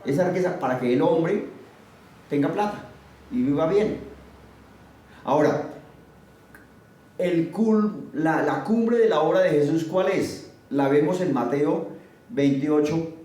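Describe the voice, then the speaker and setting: A man's voice: a little high, animated, unhurried, long pauses, mellow. A man preaching a sermon emphatically, firing rhetorical questions at his listeners. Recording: very echoey, far from the mic, faint noise.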